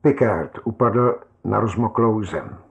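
A man narrating a short story in a measured, calm audiobook reading. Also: on the low side, vocal fry, lo-fi sound.

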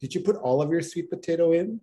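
A woman taking part in a cooking class, asking the teacher quick questions. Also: lowish voice, expressive, dark tone, slightly rough. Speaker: class participant.

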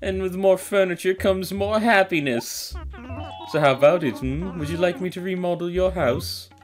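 A man's voice: high voice, moderate pace, faint music behind, voice pushed up, natural voice. A man reading out the lines of a salesy male raccoon shopkeeper in a video game, with a coaxing patter. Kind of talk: reading game dialogue aloud.

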